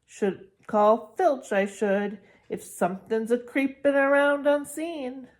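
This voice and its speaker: Woman voicing a mischievous male poltergeist, greasy, fawning, sing-song, raised pitch, storybook reading. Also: fairly even intonation, takes it slowly, darkish tone. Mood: taunting.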